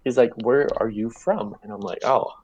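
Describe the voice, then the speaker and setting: A man's voice: medium pitch, normal speed, a little mellow, no room sound, lo-fi sound. A young man from Puerto Rico chatting on a podcast, telling a story loosely with swearing and laughs. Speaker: podcast co-host. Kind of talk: casual chat.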